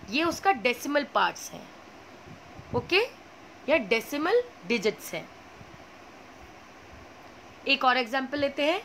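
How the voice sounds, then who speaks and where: Woman, maths teacher, high voice, slow clear explaining, faint background noise. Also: fairly bright tone, rough recording. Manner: asks questions and answers them herself; slow, clear explaining with many checks like "okay?". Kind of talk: classroom lesson.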